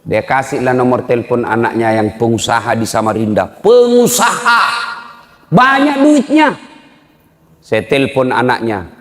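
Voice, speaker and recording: Animated preacher with Makassar accent. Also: male voice, medium pitch, fairly quick. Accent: Makassar Indonesian. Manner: animated, acts out quoted voices. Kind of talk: humorous storytelling sermon. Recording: echoey hall with long reverb.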